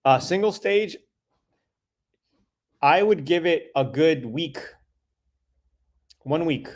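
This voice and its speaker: A man's voice: a little high, animated, slow pace. A middle-aged man hosting a casual live Q&A, answering viewer questions in a loose, conversational way with fillers and self-corrections.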